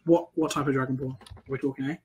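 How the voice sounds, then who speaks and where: A man's voice: mid-range voice, fairly even intonation, fast, a little mellow, slightly rough. A man who runs tabletop games, rambling through game stories in casual chat and laughing often. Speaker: game master.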